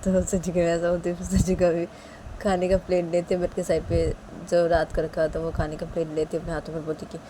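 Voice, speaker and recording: A woman casually narrating a romance story in a quiet, low-key voice. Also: completely flat delivery, a little fast, a little hiss or hum.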